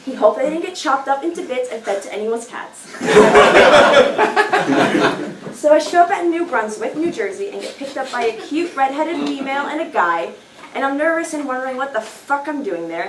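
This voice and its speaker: A young woman reads her own essay aloud at a live show. She is frank and wry at first, then raw and defiant, with a voice a little higher than most. She sits back from the mic in an echoey room with faint noise behind her. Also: lively intonation, moderate pace, distant mic. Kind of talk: reading a personal essay aloud. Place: small live performance venue.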